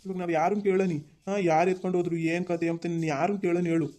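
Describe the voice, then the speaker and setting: A fed-up husband in a village family drama, played by a man, scolding. His voice sits a bit high yet sounds warm and mellow. He keeps it flat and even as the complaints pile up. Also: quick pace, natural voice. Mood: upset. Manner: scolding, exasperated. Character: frustrated husband who lost his savings. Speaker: actor.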